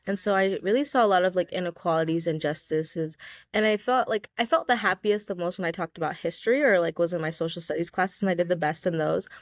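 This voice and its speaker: Speaking fast in a fairly low voice, a young woman, a student guest from Georgia in the US, answers interview questions casually, with many "like"s and "um"s. The recording is studio quality with no echo.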